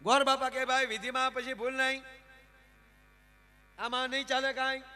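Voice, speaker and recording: High, bright-voiced Gujarati male comedian. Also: normal speed, soft background music. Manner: animated, acts out characters in raised voices. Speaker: folk comedian. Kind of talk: live stage storytelling with jokes. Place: live outdoor folk program.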